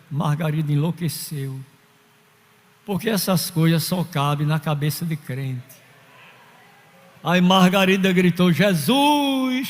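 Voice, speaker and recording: A man preaching a fervent sermon as pastor in a church, telling stories and acting out the people in them. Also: a little high. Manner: fervent preaching with story-telling and quoted voices. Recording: long hall reverb.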